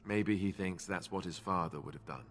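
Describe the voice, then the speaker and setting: This video game character is an earnest young warrior from a knightly order, with a forward voice on the low side and a bright edge. He explains things in a measured, self-deprecating way, earnest throughout. A long reverb surrounds him, with slight background noise.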